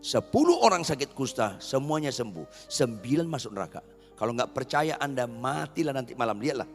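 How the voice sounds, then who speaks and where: Pastor guy preaching, kinda gravelly, long echo in the hall, music under it. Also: medium pitch, brisk. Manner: animated, asks the congregation questions and answers them. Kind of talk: sermon.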